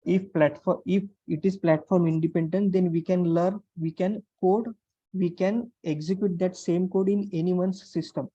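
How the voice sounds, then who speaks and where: Mellow Indian English programming instructor, dull audio. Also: mid-range voice, steady tone, normal speed, husky, no room sound. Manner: repeats phrases and checks understanding with questions. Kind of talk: online class lecture, explaining step by step. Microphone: online class call microphone.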